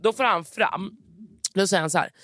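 A woman's voice: mid-range voice, no room sound, studio quality. A woman co-hosting a podcast, telling a story with lots of swearing and acting out both sides of a conversation. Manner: animated storytelling, acts out dialogue, swears freely. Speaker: podcast co-host. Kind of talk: casual chat.

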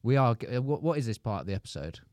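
A man's voice: medium pitch, very animated, very fast, a little mellow, dry recording. A man co-hosting a podcast in a studio, chatting casually and telling long stories with many restarts. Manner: rambling storyteller with many restarts. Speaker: podcast co-host. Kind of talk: casual chat.

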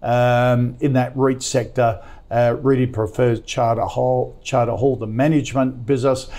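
A man hosting a finance chat show and recapping stock picks in a relaxed, steady way. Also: medium pitch, normal speed. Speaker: show host.

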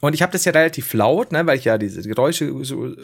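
A man's voice: mid-range voice, fast. A man co-hosting a podcast, telling a rambling story in casual chat with bursts of animation. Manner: rambling, animated storytelling with laughs and acted outbursts. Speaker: podcast co-host.

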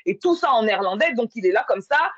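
Woman, husky, mid pitch, casual anecdote with fillers, dull dry recording. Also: expressive, fast, fairly bright tone, no echo. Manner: storytelling with many fillers. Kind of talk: casual conversation. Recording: muffled lo-fi sound.

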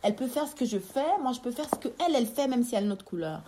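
Woman with an Italian accent, animated. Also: fairly high pitch, rapid-fire, background noise. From Italy. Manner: animated, acts out quoted voices. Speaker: guest. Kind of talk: casual interview storytelling.

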